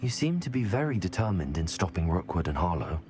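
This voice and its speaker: A young student wizard in a video game, calm and curious. His voice sits fairly low and moves expressively, over soft background music. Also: a little fast. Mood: curious, earnest.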